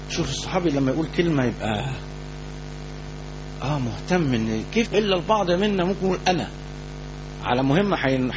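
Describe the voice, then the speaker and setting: A man with an Egyptian accent giving a religious lecture, telling the story in a lively way and quoting people as he goes. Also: sits high, dull audio, slight background noise. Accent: Egyptian Arabic. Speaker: preacher. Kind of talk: Islamic lecture on the Prophet's biography.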